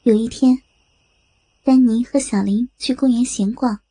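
High-pitched, breathy woman narrator. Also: fairly even intonation, a little slow, warm tone, no room sound. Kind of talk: erotic audio story reading.

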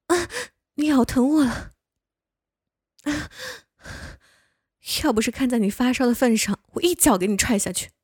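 A woman's voice: fairly high pitch, expressive, moderate pace, dry recording, clean studio sound. A young woman voicing a bossy but caring older neighbor woman who scolds and coaxes the listener in a one-sided audio role-play. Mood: teasing. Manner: playful scolding, coaxing.

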